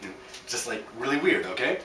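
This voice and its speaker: A man's voice: medium pitch, sing-song, fast talker. A man hosting a podcast, giving a rambling, joking lesson full of fillers and asides. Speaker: podcast host teaching Japanese. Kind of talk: casual spoken lesson. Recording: roomy, distant from the mic, faint background hum.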